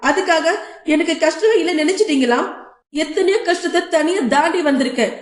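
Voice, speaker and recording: A woman's voice: very high-pitched, fairly quick, roomy sound. A woman voicing a hurt married daughter who asks her father pleading, reproachful questions in an audio novel.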